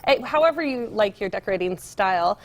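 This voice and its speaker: A woman's voice: mid-range voice, expressive, a little fast. A young American woman chatting informally and upbeat as a guest giving a decor demonstration on television. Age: young adult. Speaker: guest home decor store representative. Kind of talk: casual TV demonstration interview. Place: TV studio set, indoors.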